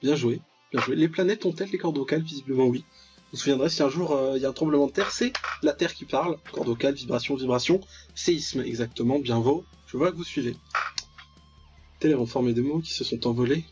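A man of medium pitch, talking fast in a somewhat mellow voice, hosts a let's play. He reads game text out loud with lots of interjections and ironic commentary, recorded on a dull lo-fi mic with game music behind him.

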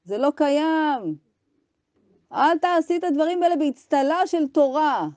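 A woman's voice: sits high, expressive, darkish tone, dry recording. A woman teacher giving an impassioned Torah ethics lesson to women, arguing with rhetorical questions and acting out imagined dialogues.

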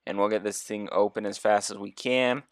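A young man hosting a gameplay video gives casual commentary in a deep, quiet voice that sits slightly low, at a moderate pace. He rambles in a relaxed way, thinking aloud and filling gaps with fillers. The studio-quality recording has no echo.

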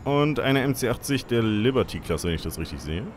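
A man's voice: mid-range voice, expressive, fairly quick. A man giving casual let's play commentary, thinking aloud and exclaiming as he reacts to the game. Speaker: let's player. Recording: game music behind commentary.

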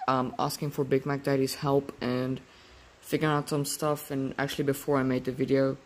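A man giving a halting, casual video intro, pausing often and asking viewers to subscribe. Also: medium pitch, level tone. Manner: halting, many pauses and fillers, asking to subscribe. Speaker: video uploader.

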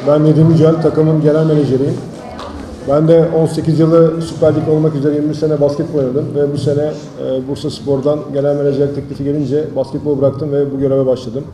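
A man's voice: fairly high pitch, little pitch movement, fairly quick, dark tone. A man in his thirties, a team general manager speaking at a panel into a handheld microphone. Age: 30s. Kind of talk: panel introduction. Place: school auditorium. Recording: echoey hall, faint noise.

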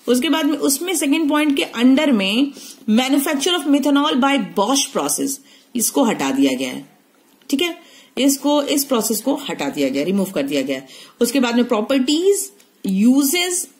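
A woman chemistry teacher walks students through a syllabus, repeating key points and checking in often. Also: on the high side. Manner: explanatory, repeats key points, frequent "theek hai" check-ins. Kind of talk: online syllabus lesson.

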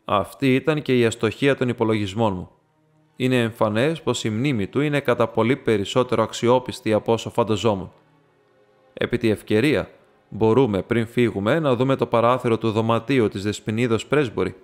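A man reading aloud, voicing a calm, dry-witted male detective who speaks in a polite, measured way. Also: medium pitch, faint music behind, close to an everyday voice.

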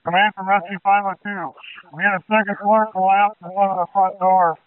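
Urgent high-pitched male firefighter on radio. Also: level tone, a little fast, no room sound. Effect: two-way radio transmission. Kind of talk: emergency radio traffic, field reports. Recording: narrowband fire radio transmission.

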